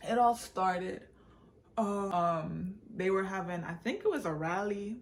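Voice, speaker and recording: Speaking slowly in an animated, mid-range voice, a woman casually shares her personal story, repeating phrases to stress them and switching into Patois. She is a vlogger and author, Jamaican-born and raised in England and the United States.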